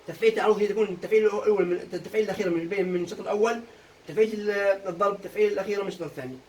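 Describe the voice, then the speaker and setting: A young man runs an exam-prep lesson, firing quick questions at his students and answering them himself. His voice sits high and his pace is fast. He sounds a little distant from the microphone, with a faint hum of room noise behind him. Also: darkish tone. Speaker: teacher.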